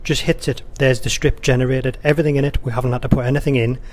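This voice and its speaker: Quick and steady, a mid-range male voice belongs to an air traffic controller explaining procedures conversationally and informally, dropping in radio phraseology. He is indoors at a control room or workstation, beside a touchscreen.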